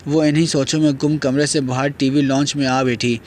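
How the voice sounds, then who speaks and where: A man narrating an audio novel in a steady storytelling manner. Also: mid-range voice, a little hiss or hum. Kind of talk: reading a novel aloud.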